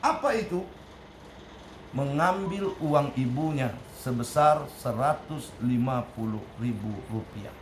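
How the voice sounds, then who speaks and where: A man's voice: medium pitch, lively intonation, takes it slowly, slight background noise. A male Islamic preacher telling a story in a sermon, with an emphatic delivery that rises and falls. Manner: emphatic, rising and falling delivery. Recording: echoey room, faint ambience.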